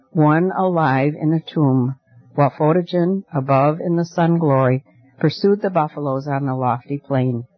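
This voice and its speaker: A man reading a storybook aloud in a measured, expressive way. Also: a little high, dry recording. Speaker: audiobook narrator. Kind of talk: scripted storybook narration. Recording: dry, dull lo-fi recording.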